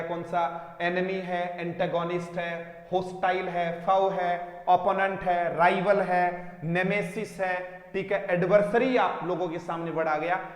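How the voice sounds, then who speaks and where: A man teaching an online English vocabulary class, who calls his students dear children and keeps asking questions and repeating the answers. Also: high-pitched. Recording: echoey room with long reverb.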